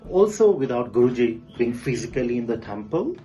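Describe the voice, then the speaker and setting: A man in his forties, a podcast guest, recounting a personal experience in an earnest, halting way with frequent pauses. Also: mid-range voice, big pitch swings, dark tone, faint music behind, rough recording. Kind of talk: spoken personal testimony.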